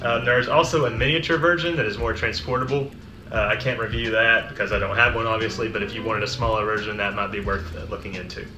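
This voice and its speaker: A man's voice: on the low side, steady tone, fast, sharp tone. A man giving a casual, conversational product review. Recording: roomy echo, music behind. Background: music.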